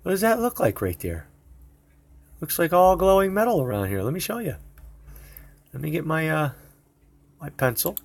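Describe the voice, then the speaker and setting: A man's voice: fairly high pitch, moderate pace, creaky, pauses often. A man rambling and swearing casually as he shares his computer screen in a home video. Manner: rambling, profane, excitable. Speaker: video host.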